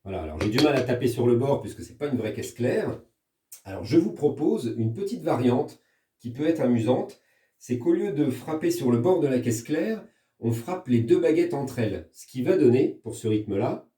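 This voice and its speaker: A man's voice: medium pitch, very animated, moderate pace, dark tone. A French man teaching a percussion lesson, explaining patiently step by step and counting hand patterns aloud. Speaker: music teacher. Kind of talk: recorded percussion lesson for pupils. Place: room at home with a practice pad. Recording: echoey room, voice from a distance.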